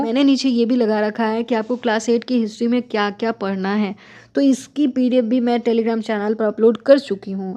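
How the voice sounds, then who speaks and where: A woman's voice: fairly high pitch, dark tone. A young woman teaching exam preparation in a casual, direct manner, advising viewers and addressing them as friends. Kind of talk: casual explanatory lesson.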